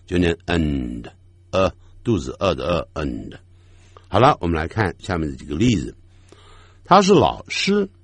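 A man teaching English pronunciation, explaining and then saying model words slowly and drawn out. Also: lowish voice, darkish tone, husky, no room sound, clean studio sound. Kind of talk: recorded pronunciation lesson.

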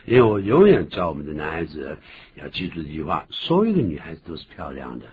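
A man hosting an English lesson, explaining words and pronunciation with lively emphasis. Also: fast. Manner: animated explaining, jumps high in pitch for emphasis. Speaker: English teacher host. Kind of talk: bilingual radio English lesson. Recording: dull lo-fi recording with faint hiss.

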